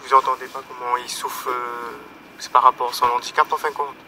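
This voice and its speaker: A man's voice: mid-range voice, flat delivery, a little fast, noisy background. A man giving his spontaneous opinion as a radio guest, in loose, repetitive sentences.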